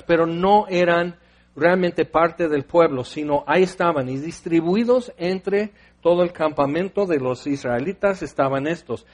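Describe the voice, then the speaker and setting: A man preaching a sermon in a conversational way, acting out little scenes in different voices. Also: on the high side.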